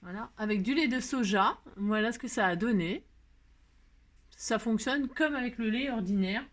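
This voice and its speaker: A woman's voice: on the high side, normal speed. A middle-aged woman hosting a casual craft tutorial, chatty and rambling with lots of fillers and repeated words. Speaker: craft video host.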